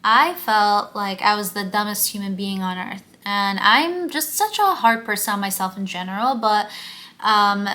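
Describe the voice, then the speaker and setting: In a casual confessional vlog, a young woman shares openly and emotionally with the camera, often saying "um" and "like." She has a sharp-toned, mid-range voice and a moderate pace.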